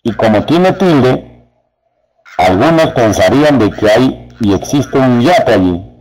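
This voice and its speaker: A man teaching a spelling lesson to teachers, explaining slowly and speaking to them directly. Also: mid-range voice, animated, darkish tone, low-quality recording. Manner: slow, deliberate, addresses teachers directly. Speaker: teacher trainer.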